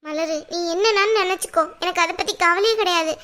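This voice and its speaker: A woman's voice: very high voice, fairly quick, bright, forceful tone. A woman doing a fretful cartoon mother. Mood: anxious. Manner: pleading, soothing, fretful. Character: worried mother pleading with her daughter. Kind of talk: cartoon voice acting.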